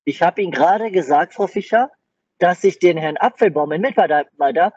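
A man's voice: high voice, normal speed, darkish tone, breathy edge, no room sound. A man acting as the boss who takes over a phone call, placating the caller and repeating her name over and over.

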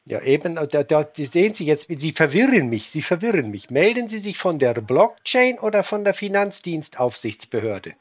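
A man with a somewhat high voice plays dumb and picks at every word, calm and fussy. The recording is dry and dull. He talks slowly and pedantically. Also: no room sound. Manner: slow, pedantic, feigning confusion. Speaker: prank caller baiting a scammer. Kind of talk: prank phone call.

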